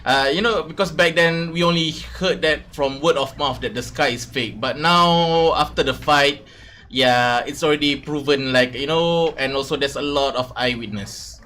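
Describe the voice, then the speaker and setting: A streamer from Malaysia hosting a relaxed voice chat, his voice bright and a bit higher than most men's. He wanders through his points with lots of fillers and false starts, picked up by a desk mic. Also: moderate pace, slight background noise. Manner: hesitant, many fillers and restarts. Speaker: streamer host. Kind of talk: casual livestream chat.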